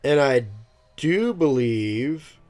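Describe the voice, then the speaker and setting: Rambling thirties man with lively pitch. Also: drawn-out words, faint music behind. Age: 30s. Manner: rambling, filler-heavy, laughs at himself. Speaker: gaming channel host. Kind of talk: casual let's-play commentary.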